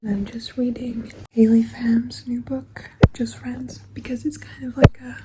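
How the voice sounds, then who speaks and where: A woman's voice: a little high, flat delivery, a little slow, heavy background noise. A young woman chatting frankly in a casual vlog, often dropping into a half-whisper. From Australia. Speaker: vlogger.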